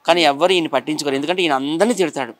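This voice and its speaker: A man being interviewed, complaining rapidly and indignantly. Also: on the high side, no echo. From Vizag. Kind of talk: heated interview.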